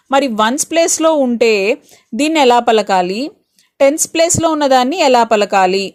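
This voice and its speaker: Woman teacher, bright higher register, reassuring exam-prep explainer. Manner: reassuring, explains step by step with rhetorical questions; mixes Telugu with English words. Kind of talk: exam-prep grammar lesson.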